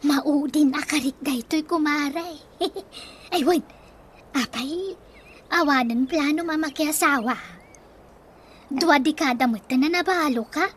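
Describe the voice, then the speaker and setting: A woman with a high-pitched voice speaks slowly and pauses often, playing a brash, scheming mother sweet-talking her creditors in an Ilocano-accented Filipino comedy radio drama. She sounds coaxing and gleeful, wheedling and teasing, over a little hiss or hum.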